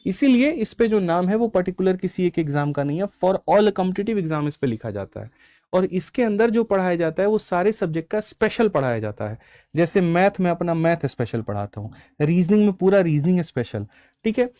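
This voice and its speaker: A man's voice: sits high, big pitch swings, moderate pace, warm tone, no echo. A young man who teaches exam preparation, explaining his course batches and fees to students in a casual, persuasive way, often calling them brother and tagging "theek hai". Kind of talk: online class sales pitch and lesson.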